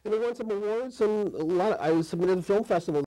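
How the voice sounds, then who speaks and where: A man's voice: sits high, quick pace, warm tone, poor audio. A man in his fifties from Chicago, a guest filmmaker in a studio interview, speaking thoughtfully with frequent restarts and trailing phrases. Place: TV studio set.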